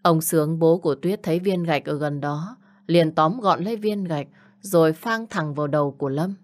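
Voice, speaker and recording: A woman narrates a dramatic story. Her voice is deep and warm, and her reading is measured. She sits low in her range. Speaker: audiobook narrator.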